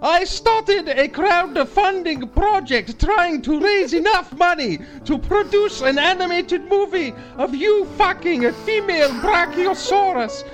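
A man doing a squeaky Swedish woman. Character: eager Swedish woman fan.

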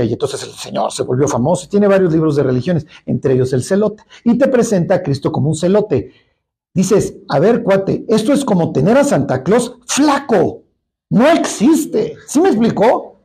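High, husky Mexican man teaching Bible. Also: warm tone. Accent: Mexican Spanish. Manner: colloquial and joking, with asides and restarts.

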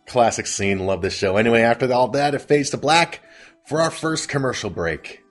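A man hosting a casual recap of an old sitcom, chatty and quick to laugh. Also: mid-range voice, expressive, faint music behind. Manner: laughs often, chatty and amused. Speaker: podcast host recapping a sitcom.

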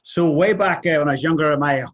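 A man's voice: on the high side, a little fast, highs cut off. A man with a Northern Irish accent, a guest coach on a podcast, chatting in an upbeat, affable way over a video call. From Northern Ireland. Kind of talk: casual interview chat.

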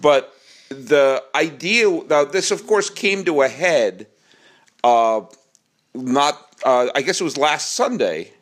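A man's voice: fairly high pitch, animated, slow pace. A man hosting a casual baseball podcast, joking and projecting as he performs. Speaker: podcast host.

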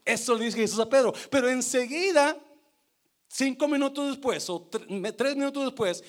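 A pastor with a high-pitched voice preaches a sermon at a church service. He questions the congregation to get their responses. He slips English words into his preaching. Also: normal speed.

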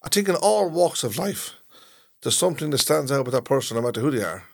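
A man's voice: medium pitch, big pitch swings, quick pace, gravelly. A man with an Irish Traveller accent in casual group chat, often checking the listener follows with questions and tags.

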